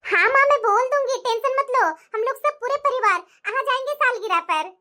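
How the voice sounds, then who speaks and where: A woman's voice: very high voice, fairly quick, bright, forceful tone. A woman voicing a young, outspoken daughter-in-law in a cartoon who talks back and chats freely. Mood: cheerful. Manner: protesting, chatty. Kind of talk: animated cartoon voice acting.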